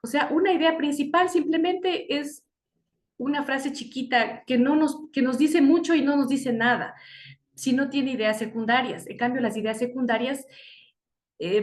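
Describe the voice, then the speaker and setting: A woman teaching an online class on a video call. She explains things slowly, pauses often to search for words, and keeps checking in with her students. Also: sits high. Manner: hesitant, searches for words with many fillers. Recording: echoey room sound.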